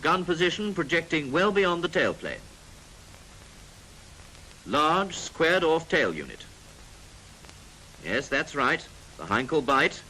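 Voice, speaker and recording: A man's voice: a little high, big pitch swings, takes it slowly, pauses often, sharp tone. A British man narrating a 1940s military training film in a clipped, instructive manner with drily jocular asides. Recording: noisy 1940s film soundtrack.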